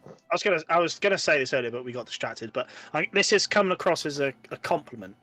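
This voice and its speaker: A man's voice: on the high side, lively intonation, quick pace, sharp tone, no room sound, soft background music. A man hosting a podcast in casual chat, rambling with many fillers like "like" and "you know".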